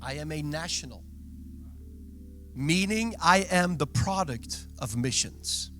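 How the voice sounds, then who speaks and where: A man's voice: a little high, expressive, slow pace, soft background music. A man in his thirties from Belgium, a native Dutch speaker with a Belgian accent, preaching an earnest sermon as a guest pastor. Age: 30s. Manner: earnest preaching, warm asides to the congregation. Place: church sanctuary.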